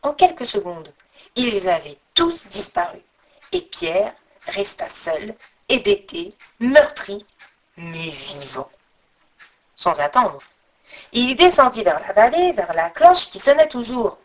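Expressive woman reading a fairy tale. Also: fairly high pitch, measured pace, poor audio. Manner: expressive, speaking to the listener. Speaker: storyteller. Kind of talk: storybook narration.

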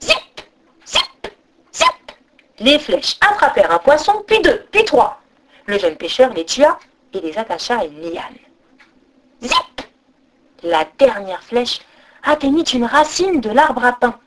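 A woman reading a folk tale aloud as storyteller, expressive, with sung-out sound effects. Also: fairly high pitch, normal speed, slight background noise. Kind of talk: storybook narration.

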